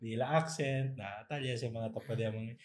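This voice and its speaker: Man, mid-pitched, casual podcast co-host, animated storyteller. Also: normal speed. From Zamboanga, Philippines. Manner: animated storytelling with playful mimicry. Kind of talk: casual chat.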